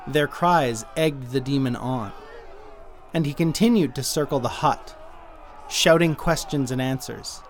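Brief: male narrator for a dark fable, steady mid-range voice, measured delivery. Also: medium pitch, some chatter behind, slight background noise. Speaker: writer and narrator. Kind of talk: scripted storytelling narration.

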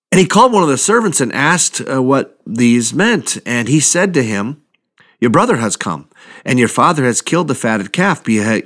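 A man preaching a sermon, retelling a parable in a lively, conversational way and acting out the characters' lines. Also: medium pitch. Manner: animated storytelling, acts out quotes, conversational asides.

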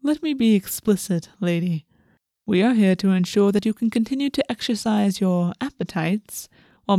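A woman plays an aristocratic fae man from a fantasy audiobook. The voice is soft-edged and mellow, calm and courtly, with measured formal phrasing and a quietly sinister politeness, recorded close and dry. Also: medium pitch, no room sound, natural voice.

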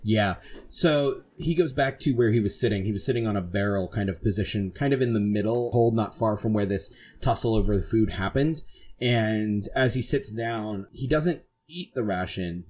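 Husky-voiced man running a tabletop game. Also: fairly low pitch, moderate pace, darkish tone. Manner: casual, laughing, filler-heavy narration. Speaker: game master.

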